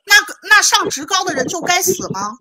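A woman's voice: very high-pitched, expressive, a little fast, crowd noise. A woman in a heated online debate who keeps pressing with needling, mocking questions. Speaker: livestream debater.

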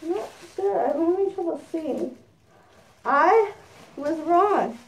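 A woman's voice: very high voice, expressive, slow, reverberant, distant mic, a little hiss or hum, poor audio. A woman chatting casually as she unboxes gifts while speaking through a costume head. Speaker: vlogger.

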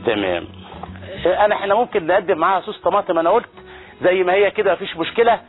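An Egyptian man hosts a TV cooking show at a brisk pace, exclaiming over the food and bantering with his crew. His voice sits a little high. The audio is thin and phone-like, with soft music behind him. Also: lively intonation. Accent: Egyptian Arabic. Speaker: TV chef and cooking show host. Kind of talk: lively cooking demonstration. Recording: tinny phone-like broadcast audio with faint music.

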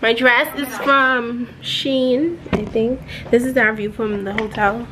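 A woman with a slightly high voice chats casually as a travel vlogger. The recording is made on the go, with clear noise around her. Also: steady tone, takes it slowly. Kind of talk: casual chat to camera. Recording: noisy on-the-go travel audio.

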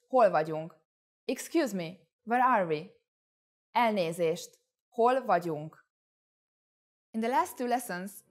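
A young woman teaching a scripted language lesson, speaking clearly and enunciating carefully, with Hungarian as her first language. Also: medium pitch. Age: young adult.

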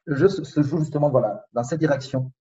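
A man with a slight Spanish accent, his first language Spanish, chats as a podcast guest and muses aloud with frequent pauses. He sits a little away from the mic, and the sound is dull and muffled. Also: mid-range voice, distant mic, crowd noise. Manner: reflective, searching for words, many pauses. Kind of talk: casual conversation.

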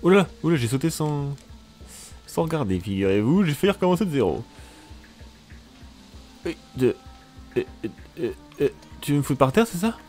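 A man's voice: a little high, very animated, moderate pace, long pauses, a little mellow, faint music behind. A man doing casual, joking commentary over his own gameplay, exclaiming at the action and talking to his viewers. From France. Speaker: let's play commentator.

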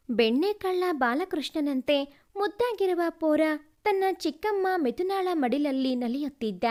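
A woman narrating a romantic family story in an expressive, emotional way. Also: high-pitched.

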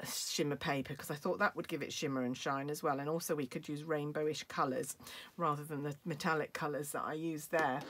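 Hiccuping UK woman, casual craft demonstrator, slightly low, chatty and apologetic. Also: a bit bright. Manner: chatty, apologetic, frequent ums. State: has hiccups.

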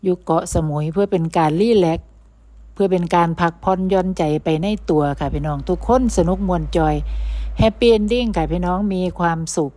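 A woman's voice: lowish voice, moderate pace, warm tone. A woman narrating a travel vlog voice-over, chatty and friendly toward her viewers. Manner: chatty, addresses viewers as "brothers and sisters".

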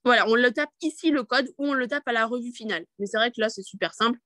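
A woman's voice: on the high side, quick pace, sharp tone, no echo. A young woman leading a live online training over a video call, chatty and upbeat, with many fillers and restarts. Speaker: network marketing trainer.

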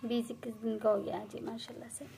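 A woman's voice: on the high side, level tone, fast, dark tone, a little hiss or hum. A woman hosting a casual pet vlog, chatting to viewers and coaxing her cats to come and eat. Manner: coaxing, calls pets by name. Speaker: cat owner and channel host.

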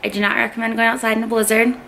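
Her voice is fairly high, creaky and flat, and she talks rapid-fire. This vlogger in her twenties casually explains each meal-prep step in her home kitchen with lots of fillers, filmed handheld at varying distances, from close selfie framing to far, over loud kitchen noise.

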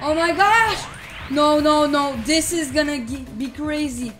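A female gamer giving excited live gameplay commentary, repeating exclamations and casual slang like bro. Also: high voice, measured pace, over music. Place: voice-over on screen-recorded gameplay, game music behind.

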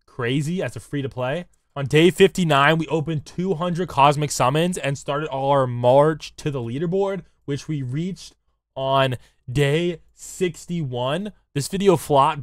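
Hoarse, raspy man doing casual game commentary. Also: a little high, dry recording, studio quality. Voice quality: raspy, like a smoker's voice. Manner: slangy hype talk addressed to viewers. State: hoarse, recovering from a lost voice. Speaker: gaming YouTuber. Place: indoor room at a computer. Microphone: desk microphone close to the mouth.

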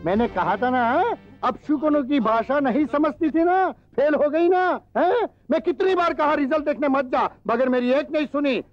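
High-pitched nagging superstitious father. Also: normal speed, faint music behind. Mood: grumbling. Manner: scolding, nagging, theatrical. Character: fussy superstitious grumbling older father. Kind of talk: 1990s TV sitcom acting. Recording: dull lo-fi old TV audio.

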